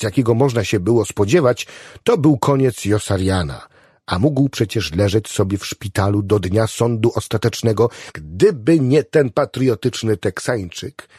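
A man reading an audiobook aloud in an expressive, storytelling manner. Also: mid-range voice, slightly rough, no room sound, studio quality. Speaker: audiobook narrator. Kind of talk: scripted audiobook narration.

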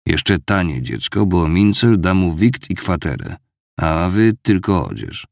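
A man's voice: deep voice, sing-song, measured pace, vocal fry, no echo, clean studio sound, heavily acted. A man voicing a gloomy old clerk who complains in a grumbling way. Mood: brisk practical. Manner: complaining, head-shaking grumble.

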